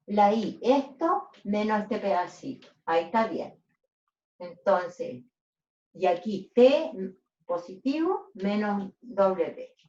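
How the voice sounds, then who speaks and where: Slow, self-correcting woman teacher, roomy sound. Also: medium pitch, darkish tone, distant mic. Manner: thinks aloud, checks and corrects herself. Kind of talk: working a physics problem aloud. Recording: dull roomy sound from off-mic.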